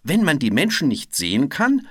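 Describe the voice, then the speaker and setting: A man voicing an excitable, cheeky young male piglet that squeaks and shrieks. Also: moderate pace, breathy edge, no room sound, clean studio sound, full character voice. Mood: excited, cheeky. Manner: squeaky, shrieking, stammers from the cold.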